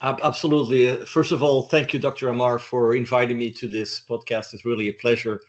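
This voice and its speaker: A middle-aged Belgian man, a doctoral student, is a guest in a casual interview chat, speaking reflectively and thoughtfully. His mid-range voice is flat in delivery and fairly quick, and the sound is lo-fi.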